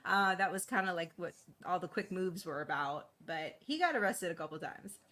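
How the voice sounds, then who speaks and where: A candid woman who grew up in East Boston speaks a little low for a woman, chatting loosely with many fillers and easy laughs. She tells her story plainly in a relaxed interview over a call. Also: normal speed, slight background noise. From East Boston, Massachusetts. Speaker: guest. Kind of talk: casual interview.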